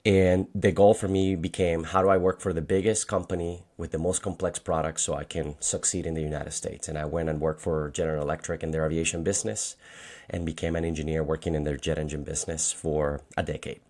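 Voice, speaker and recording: This podcast guest's voice is extremely low, with a level tone, a brisk pace and a slightly mellow quality. He's a financial agent of about forty from a Spanish-speaking background with a Colombian accent, telling personal stories conversationally.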